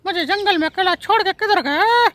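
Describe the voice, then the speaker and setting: A tiny cartoon creature squealing for rescue. The voice is far above the performer's usual range, squeaky and quick, with a dry close sound. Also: male voice, sharp tone, no echo. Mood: panicked. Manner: squeaky, repeats calls rapidly.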